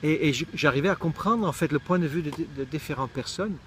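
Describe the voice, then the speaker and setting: Speaking fast in a somewhat high, slightly bright voice, a middle-aged man from Israel reflects on personal matters. He searches for words and frequently starts sentences over, and there's a bit of background noise.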